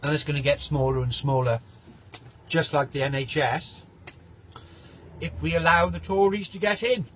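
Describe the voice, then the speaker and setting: A man's voice: a little high, steady tone, normal speed, pauses often, slight background noise. A man vlogging casually, ranting in a mocking, opinionated way and sometimes talking with his mouth full.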